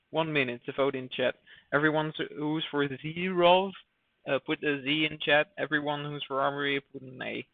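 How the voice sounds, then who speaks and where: A man streams a game and gives casual live commentary, thinking aloud with hesitant fillers. His voice is a little high and creaky, and the recording is dry, narrow and phone-like, with no echo.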